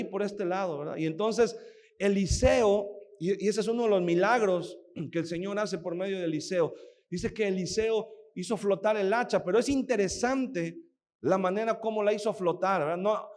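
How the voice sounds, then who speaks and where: A man preaching a sermon, telling the story vividly and asking the audience rhetorical questions. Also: high-pitched. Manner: animated storytelling, acts out quoted voices. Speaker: pastor.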